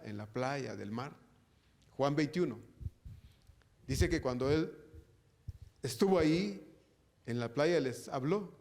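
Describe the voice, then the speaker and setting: A man's voice: medium pitch, darkish tone. A man preaching a sermon as pastor in a church, asking the congregation rhetorical questions and calling them brother. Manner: rhetorical questions with frequent tag questions; addresses listeners directly as brother.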